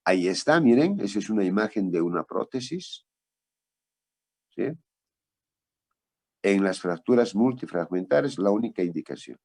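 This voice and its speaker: A man's voice: lowish voice, animated, normal speed, pauses often, a little mellow, husky. Man lecturing, telling a case story. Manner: conversational storytelling, asks next slide. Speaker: lecturer in traumatology.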